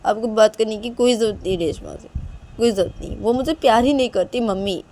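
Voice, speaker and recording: A woman's voice: on the high side, fast talker, dark tone, a little hiss or hum, pitched above the performer's own voice, natural voice. Upset heartbroken young woman, acted by a woman. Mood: upset, insistent. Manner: insistent, repeating herself.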